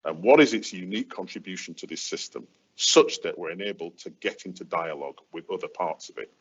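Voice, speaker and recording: A man speaking as a webinar panellist, explaining his points in an emphatic, deliberate way. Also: low-pitched, husky. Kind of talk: webinar talk on leadership. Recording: dull, muffled webinar audio.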